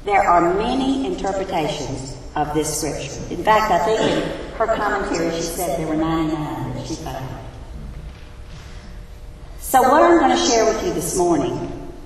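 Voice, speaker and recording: A woman's voice: lowish voice, big pitch swings, normal speed, recorded from a distance, a little hiss or hum. Woman preaching in a big echoing hall. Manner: asks the congregation questions. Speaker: Bible teacher. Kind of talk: sermon. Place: large hall.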